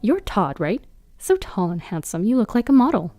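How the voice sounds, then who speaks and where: A woman voicing a cheerful, fiery middle-aged mother who runs a pizza shop, loud and bubbly. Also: medium pitch, big pitch swings, normal speed, dry recording, soft background music, close to an everyday voice.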